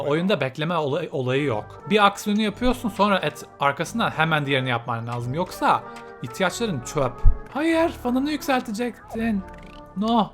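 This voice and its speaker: Excitable man narrating a game. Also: on the high side. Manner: excitable, squeals and laughs at game events, mixes in English phrases. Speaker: gaming channel host. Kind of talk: let's play commentary.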